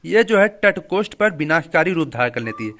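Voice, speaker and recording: Brief: young male teacher, slightly high voice, restates terms, informal lecture tone. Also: big pitch swings, brisk, a bit bright. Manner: explains each term twice, frequent "theek hai" check-ins. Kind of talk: Hindi classroom lecture mixed with English terms.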